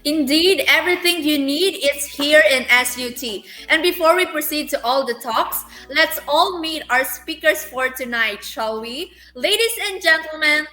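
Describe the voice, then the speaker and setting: A woman's voice: high-pitched, expressive, unhurried, pushed and bright, faint music behind. A woman hosting an online event, presenting speakers in roomy, echoey audio. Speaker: host.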